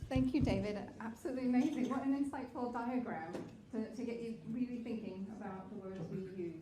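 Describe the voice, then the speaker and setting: A woman's voice: on the high side, a little fast, noisy background. A woman hosting an event, addressing an audience appreciatively as she introduces speakers.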